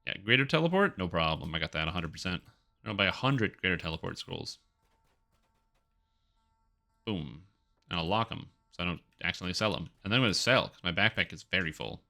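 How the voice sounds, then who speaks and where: A low-pitched man with a creaky, sharp, congested and nasal voice talks animatedly and briskly, with long pauses. He rambles casually on a gaming live stream close to the mic, talking to himself and to viewers.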